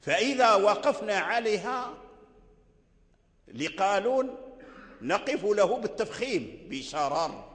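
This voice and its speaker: A man teaching rules of Quranic recitation, explaining slowly and repeating example words. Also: high voice, animated, a bit bright. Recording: long hall reverb.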